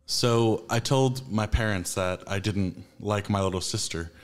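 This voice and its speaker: A man's voice: lowish voice, a little slow. A young man telling crude, smutty jokes in casual banter. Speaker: joke teller.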